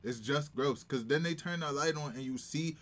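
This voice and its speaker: A man chatting casually on a live stream, playful and emphatic, with slangy phrasing and an expressive delivery. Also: fairly high pitch, normal speed. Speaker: streamer, co-host.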